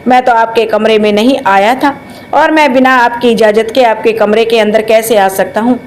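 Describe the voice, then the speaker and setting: A nervous, earnest young man explains himself politely in a spoken story, as a woman narrator reads his lines. The voice stays fairly high and lightly anxious throughout. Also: fairly even intonation, normal speed, slight background noise, natural voice, rough recording.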